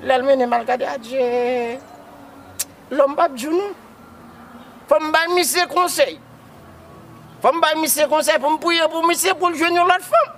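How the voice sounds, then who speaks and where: A man's voice: very high-pitched, fairly even intonation, moderate pace, long pauses, a bit bright, a little hiss or hum. A man with a Haitian accent playing a grief-stricken widower who sobs, wails and keeps calling out to Jesus. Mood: grieving. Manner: repeats words, cries out to Jesus. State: wailing and sobbing. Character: grief-stricken man mourning his dead wife.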